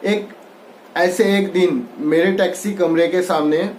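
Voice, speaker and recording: Male Hindi teacher, slightly high voice, reads the text and then paraphrases it casually with English mixed in, recorded in an echoey room. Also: a little mellow, slight background noise. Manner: reads a line, then re-explains it loosely with English words mixed in. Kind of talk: textbook lesson explanation.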